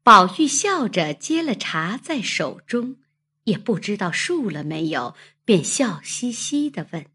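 A woman narrating a classic novel in a slow, expressive reading style. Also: medium pitch, breathy edge. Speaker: storyteller.

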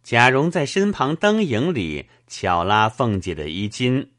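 A man narrating an audiobook of a classic novel in a measured, expressive way. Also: medium pitch, dry recording, clean studio sound.

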